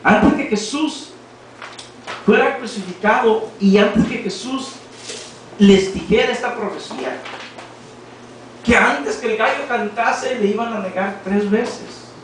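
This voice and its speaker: A man with a Mexican Spanish accent preaching a sermon in a church, reading scripture and then alternating between quiet lines and shouted appeals. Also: high voice, slow pace, pauses often. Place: church hall. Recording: very echoey hall from far off, faint noise.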